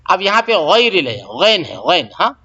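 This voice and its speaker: Man, recitation teacher, high voice, repeats syllables, asks if learners follow, muffled low-fi sound. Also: big pitch swings, pushed and bright, soft background music. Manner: repeats syllables and drills pronunciation; asks learners to check understanding. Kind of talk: recitation lesson. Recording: dull lo-fi audio.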